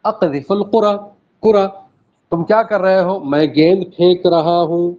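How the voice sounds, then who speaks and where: A male teacher with a fairly high voice takes his class through vocabulary, one word at a time. He repeats each phrase and checks in with the students as he goes. The recording is dull and lo-fi. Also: fairly even intonation. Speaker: Arabic teacher. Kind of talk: classroom language lesson.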